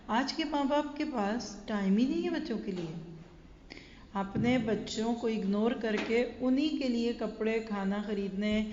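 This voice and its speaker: A woman's voice: on the high side, a little mellow, slight background noise. Brief: a woman religious teacher lecturing earnestly, with a long hall echo and a dull, muffled sound. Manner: earnest, storytelling, addresses listeners directly. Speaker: Islamic teacher.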